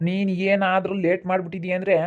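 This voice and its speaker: A pushy, lecherous brother-in-law, played by a man, pressing and coaxing with veiled threats. His voice sits fairly high but stays flat and level, and the sound is tinny, like a phone line. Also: fast talker, natural voice.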